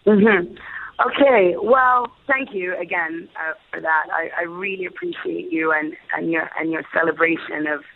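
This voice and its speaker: This UK-raised interview guest has a lowish voice with vocal fry and speaks at a normal pace over phone-like, narrow audio. The talk is casual, and she reflects carefully, restarting and repeating words as she works through her thoughts.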